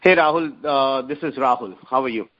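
A man calling into a radio advice show over the phone, laying out his situation politely and haltingly. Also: mid-range voice, fairly bright tone. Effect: phone call heard on air. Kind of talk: call-in question. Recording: dull phone-line sound.

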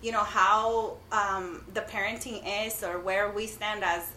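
A woman's voice: mid-range voice, fairly even intonation, unhurried, pushed and bright, reverberant, slight background noise. A woman in her twenties, a guest on a podcast, talking hesitantly and often repeating her words. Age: 20s. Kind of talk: casual chat.

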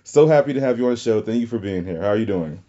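A man's voice: on the low side, animated, very fast, dark tone, highs cut off. A man with a Southern American accent hosting a casual interview podcast like a talk show host.

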